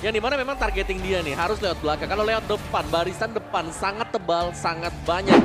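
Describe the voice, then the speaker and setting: A man's voice: sits high, fast. A man giving analytical esports commentary as a co-commentator. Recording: loud music behind the voice.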